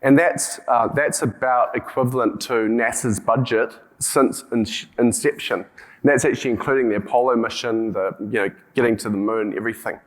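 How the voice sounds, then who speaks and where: A man with a broad New Zealand accent speaks to a conference in an informal way. His voice sits at a middle pitch. He hesitates, doubles back and repeats words as he shapes each thought. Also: steady tone, moderate pace, rough recording. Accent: broad New Zealand (Kiwi). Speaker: conference speaker, company co-founder and CEO.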